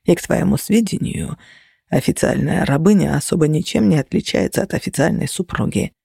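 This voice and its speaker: A woman's voice: on the low side, fairly quick, gravelly, warm tone, slightly rough, no room sound, clean studio sound, full character voice. Woman voicing a weary, tender young man. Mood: patient. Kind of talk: audiobook character voice.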